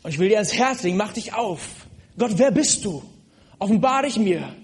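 A man's voice: high-pitched, lively intonation, moderate pace. A man preaching a sermon, speaking earnestly and directly to the listener, with frequent hesitations.

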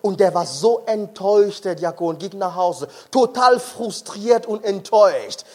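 A man preaches at a conference in a strikingly high voice. He speaks with fervor and keeps turning questions on the congregation. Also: animated, measured pace, warm tone. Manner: impassioned, questioning the crowd. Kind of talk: sermon. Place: conference hall.

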